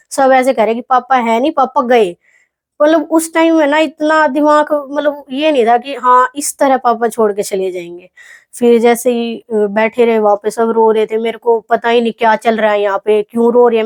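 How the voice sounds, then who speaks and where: Young woman, soft reflective storytelling. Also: fairly high pitch. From Haryana, India. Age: young adult. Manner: soft, reflective, halting with many fillers. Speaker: athlete guest. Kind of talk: personal storytelling interview.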